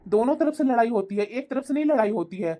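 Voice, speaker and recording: A placid young husband in a cartoon, voiced by a woman. The voice is fairly high yet dark and mellow, and he talks in a calming, easygoing way. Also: fast, natural voice. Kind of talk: animated cartoon voice acting.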